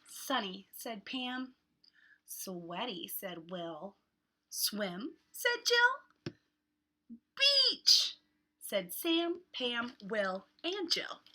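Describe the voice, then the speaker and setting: Speaking extremely slowly and leaving long pauses, a woman with a slightly high voice reads a picture book for young children. As a children's read-aloud host, she uses an over-the-top, animated style full of dramatic word emphasis.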